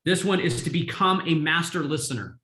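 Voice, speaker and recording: Man, real estate coach, lively storyteller, bright tone, echoey room, video call. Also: on the high side, fairly quick. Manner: energetic storytelling with frequent laughs. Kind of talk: live coaching session.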